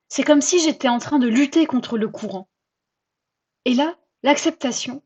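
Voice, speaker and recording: Husky-voiced woman telling a personal story. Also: on the high side, muffled recording. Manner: chatty, self-mocking and expressive. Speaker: podcast host.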